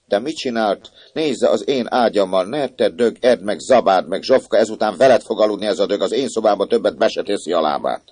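A man voicing a coarse peasant servant woman who curses and scolds loudly. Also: few pauses, breathy edge, dry recording. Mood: furious. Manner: shrill scolding, cursing.

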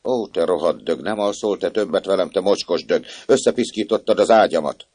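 A man voicing a coarse peasant servant woman who curses and scolds loudly. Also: slightly rough, no echo. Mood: furious. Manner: shrill scolding, cursing.

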